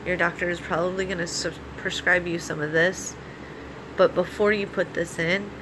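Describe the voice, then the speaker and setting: Lower-pitched American woman vlogging over noise. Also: normal speed. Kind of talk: casual vlog talk with practical advice. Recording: clearly audible steady background noise.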